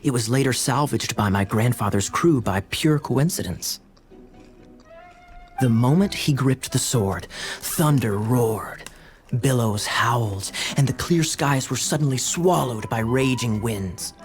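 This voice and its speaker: A man's voice: mid-range voice, measured pace, natural voice. Man as theatrical, teasing game captain. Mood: grand storytelling. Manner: dramatic, teasing, grandiose. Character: theatrical, scheming eyepatched cavalry captain, smooth storyteller. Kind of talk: video game voice acting. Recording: game music behind voice.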